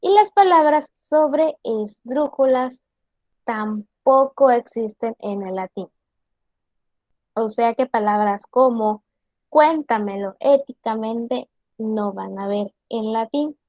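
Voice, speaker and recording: A woman teacher giving an online class, explaining slowly and deliberately and asking her students questions. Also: a little high, no echo, lo-fi sound.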